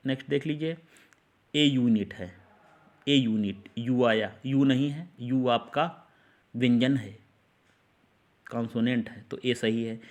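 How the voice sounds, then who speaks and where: A male teacher giving a classroom-style grammar lesson, at an ordinary middle pitch. He walks through each example slowly, repeats the key sounds and keeps putting questions to his students. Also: a little mellow. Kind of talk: Hindi grammar lesson on English articles.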